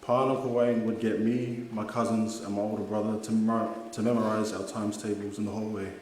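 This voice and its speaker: Young guy reading a family eulogy, halting n sincere, big echoey hall, some noise. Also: on the low side, flat delivery, darkish tone.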